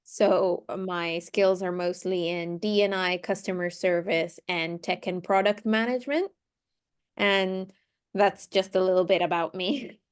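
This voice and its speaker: A woman's voice: on the low side, fairly even intonation, unhurried, smooth. A woman from Italy introducing herself in a friendly way at an online meeting. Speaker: meeting participant.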